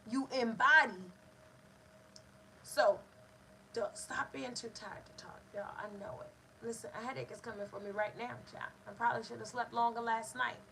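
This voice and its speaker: Emphatic high-voiced woman giving motivational talk. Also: creaky, fairly bright tone, a little hiss or hum, rough recording. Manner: preachy, emphatic, repetitive call-and-response phrasing. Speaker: host of a manifestation talk. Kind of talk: motivational live-stream talk.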